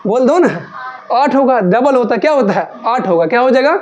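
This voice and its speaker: A woman teaching maths speaks fairly quickly and animatedly, her voice on the high side and a little mellow, as she asks and answers her own questions and keeps drilling key terms to coax the class. The muffled recording has a slight hiss or hum.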